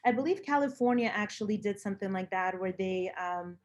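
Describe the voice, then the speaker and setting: A woman's voice: medium pitch, fairly quick. A woman from Lithuania, speaking casually and earnestly, with emphatic repetition. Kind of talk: casual conversation about personal views.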